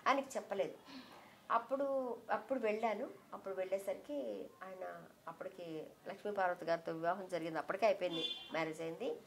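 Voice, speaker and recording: A middle-aged woman as an interview guest, telling a personal memory with heartfelt emotion and softening her voice when she quotes others. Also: medium pitch, a little fast, pauses often, a little hiss or hum. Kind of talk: reminiscing in an interview.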